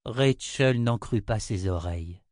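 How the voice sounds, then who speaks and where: A man narrating a fantasy novel in an even, measured storytelling voice. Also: fairly low pitch, dry recording, clean studio sound.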